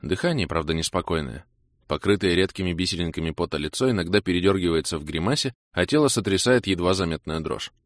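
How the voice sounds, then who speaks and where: A man narrating a first-person audiobook in a steady, matter-of-fact way. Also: deep voice, quick pace, no echo, studio quality.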